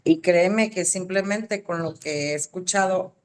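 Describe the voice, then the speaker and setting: A woman's voice: fairly low pitch, measured pace. Chatty woman. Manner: chatty, adds tag questions. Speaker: student. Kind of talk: casual chat.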